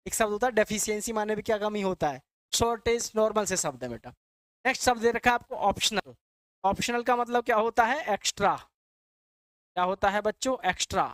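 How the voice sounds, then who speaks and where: Fast and animated, with a high pitch, a fairly bright tone and no echo, a male English vocabulary teacher runs a classroom lecture. He repeats words and quizzes his pupils call-and-answer style, calling them "beta" and "bachche."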